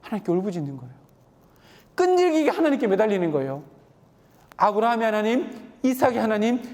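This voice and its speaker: Youth preacher, sermon style, rhetorical questions, mid pitch, reverberant church hall. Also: a little mellow. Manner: repeats phrases, asks the congregation rhetorical questions.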